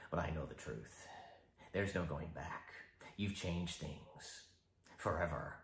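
A man impersonating a film's taunting, unhinged criminal clown villain, mocking, with deliberate pauses and sudden high swoops. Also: gravelly, exaggerated voice. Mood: menacing. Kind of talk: film character impersonation. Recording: roomy echo.

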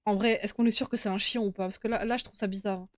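A woman's voice: medium pitch, fairly even intonation, fast, dry recording. A young woman streaming a horror game with casual live commentary, uneasy and easily scared, chatting to her viewers. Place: indoor room at home.

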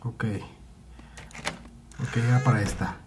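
A man's voice: medium pitch, steady tone, slow pace, background noise. A young man with a Mexican Spanish accent giving nervous let's play commentary on a horror game, muttering to himself and repeating words when he gets scared. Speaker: gaming YouTuber.

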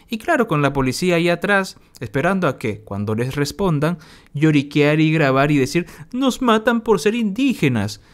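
A man from Bolivia ranting as a political commentator, sarcastic and insulting, scornful of what he just heard. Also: mid-range voice. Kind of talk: angry political commentary rant.

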